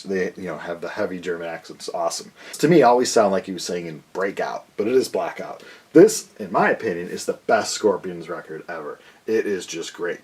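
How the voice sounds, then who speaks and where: A man's voice: fairly low pitch, a little mellow. A man in his fifties giving a casual, rambling record review with lots of fillers and a fan's enthusiasm. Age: 50s. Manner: rambling, filler-heavy, enthusiastic fan talk. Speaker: music reviewer.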